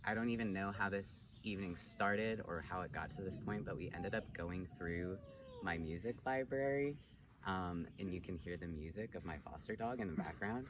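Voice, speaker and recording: Young male volunteer, very low voice, slow and halting, taped from afar with background noise. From San Francisco Bay Area. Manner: unhurried, halting with fillers. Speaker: service corps member. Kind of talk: personal reflection to camera. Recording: distant mic, noisy background.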